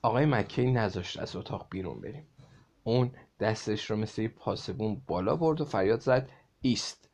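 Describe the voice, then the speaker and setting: A man reading a children's story aloud to a child in a lively way, stopping to explain words. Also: on the low side.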